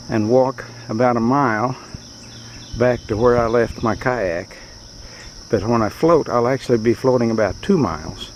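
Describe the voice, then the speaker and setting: A man narrating a fishing trip outdoors by a rural creek in a plain, matter-of-fact, unhurried way, speaking into a handheld camera. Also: medium pitch, a little hiss or hum. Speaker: fishing vlogger. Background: insects and countryside ambience.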